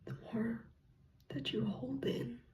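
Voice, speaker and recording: A soft, breathy whisper delivers a reassuring ASMR pep talk. The pace is very unhurried, with gentle pauses between short phrases. The tone is mellow, and the voice sits a little away from the mic. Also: mid-range voice, fairly even intonation, recorded from a distance. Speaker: ASMR content creator.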